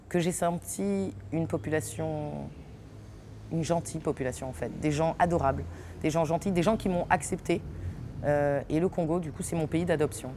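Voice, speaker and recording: A low-pitched woman from French Guiana, who acts and runs a theatre company, is interviewed in an unfinished theatre hall. Her answers are lively, full of laughter and hesitations, and the recording carries a slight hiss or hum.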